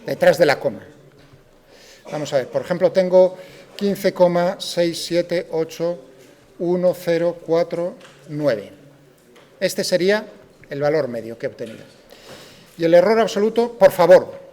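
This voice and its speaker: Mellow-voiced Spanish teacher lecturing a class. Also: male voice, a little high, measured pace, pauses often. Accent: Spain Spanish. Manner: keeps checking that students follow; poses students' objections and answers them. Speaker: physics teacher.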